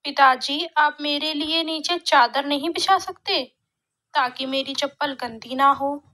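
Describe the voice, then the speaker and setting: A woman voicing a spoiled young city daughter-in-law who talks in a high, fussy, whiny way. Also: unhurried, sharp tone.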